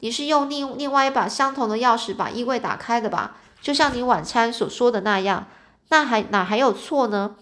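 A woman's voice: on the high side, fairly quick, close to an everyday voice. A woman voicing a furious banker father. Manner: scolding, shouting accusations. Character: outraged middle-aged male banker father.

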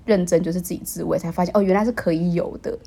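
A woman's voice: on the low side, steady tone, fast, vocal fry, dark tone. A woman hosting a casual podcast chat, asking curious, probing questions.

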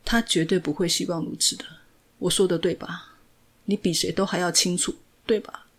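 A woman's voice: lowish voice, steady tone, moderate pace, breathy edge. A woman voicing an anxious young woman who pleads and scolds through tears in a retold drama. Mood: tearful. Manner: pleading then scolding, crying.

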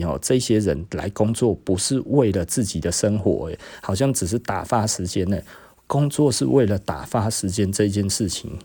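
Deep mellow-voiced man. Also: breathy edge. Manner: tags nearly every phrase with a drawn-out "hm" particle and chuckles often. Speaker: podcast host. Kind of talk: casual personal storytelling.

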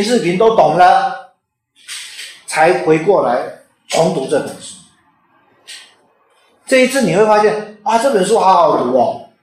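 A man who is an author and teacher, giving an informal lecture in a conversational way and often checking in with the listeners. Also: sits high. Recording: very echoey room.

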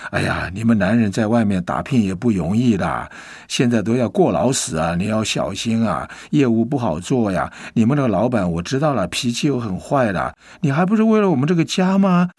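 A man voicing a tired housewife who scolds her husband in a shrill, tearful way. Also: expressive, fairly quick, darkish tone, breathy edge, dry recording, studio quality. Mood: caring. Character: upset tired housewife, woman, middle-aged.

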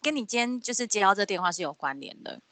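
A woman co-hosting a casual chat, teasing and reacting quickly. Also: medium pitch, expressive, a bit bright, no echo. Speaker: podcast co-host.

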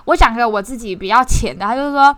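A woman casually shares her impressions of a course, talking in an animated, self-mocking way with many restarts. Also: fairly high pitch, fast talker, no room sound. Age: 20s. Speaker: course participant sharing reflections. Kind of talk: casual spoken sharing.

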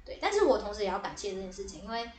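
A young woman, a theater director and podcast guest, telling a story in a lively, casual way and cursing now and then. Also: medium pitch, racing. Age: young adult. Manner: lively storyteller, swears casually, repeats "对对对". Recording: roomy echo.

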